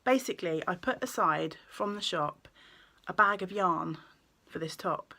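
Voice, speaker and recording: A woman, chatting casually about her knitting in a vlog, rambling along with many ums and quick self-corrections. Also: on the low side, animated, gravelly, sharp tone. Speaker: knitting vlogger and yarn shop owner.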